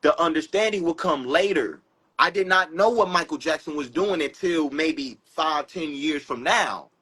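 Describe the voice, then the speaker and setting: A man giving an animated, preachy spiritual talk, breaking into quotes and rap lines. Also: fairly high pitch, normal speed, husky, low-quality recording. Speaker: spiritual speaker. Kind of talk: casual live talk.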